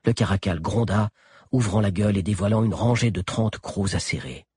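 Husky low-voiced male storyteller. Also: moderate pace, dry recording, clean studio sound. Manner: expressive storytelling. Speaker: audiobook narrator. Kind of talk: scripted narration.

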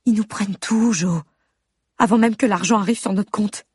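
A woman voicing a frightened mother pleading with her drunk husband, articulating each word in a husky, breathy voice. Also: medium pitch, moderate pace, darkish tone, no room sound, clean studio sound. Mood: pleading worried.

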